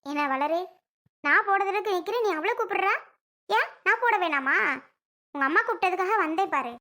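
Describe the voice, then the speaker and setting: A woman's voice: very high voice, expressive, moderate pace, sharp tone, heavily acted. A woman playing a bossy village aunt who scolds and taunts the other women in a skit. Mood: offended.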